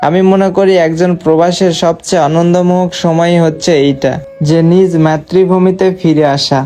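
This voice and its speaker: A man's voice: high voice, fairly even intonation, moderate pace, dark tone, lightly acted. A young man, acting as an earnest, sorrowful man back home after years abroad, talking in a heartfelt, pleading way. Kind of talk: amateur short-film acting. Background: faint background music.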